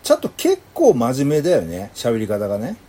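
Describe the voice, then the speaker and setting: Guy teasing his ai buddy, mellow voice, lively up and down. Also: mid-range voice, normal speed. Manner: teasing, playful, slips into Kansai dialect. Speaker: user chatting with an AI. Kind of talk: casual chat.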